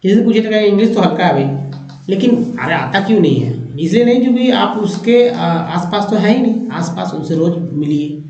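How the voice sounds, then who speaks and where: A man's voice: high-pitched, expressive, a little mellow, soft background music. Man teaching English words, echoey lo-fi. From India. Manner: repeats words slowly while writing on a board. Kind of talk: casual spoken lesson. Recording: echoey room, dull lo-fi sound.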